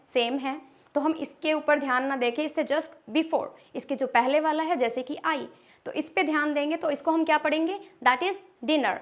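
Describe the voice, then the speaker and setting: A woman teaching English pronunciation rules step by step, reading each rule slowly and often asking whether it is clear. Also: sits high. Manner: reads English rules slowly, then explains in Hindi. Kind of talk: classroom-style pronunciation lesson.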